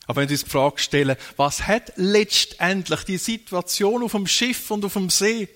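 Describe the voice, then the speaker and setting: A male preacher delivering a sermon in a slightly high voice. He speaks slowly and deliberately. He lingers on single phrases and repeats his key words for emphasis. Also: a bit bright.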